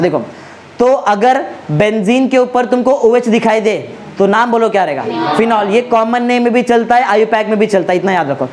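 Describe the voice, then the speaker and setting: A man with a fairly high voice teaches a classroom lecture. He keeps stopping to quiz his students with quick check-in questions and slowly repeats each key name so it sticks. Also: darkish tone. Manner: repeats names slowly for emphasis. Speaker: chemistry tutor.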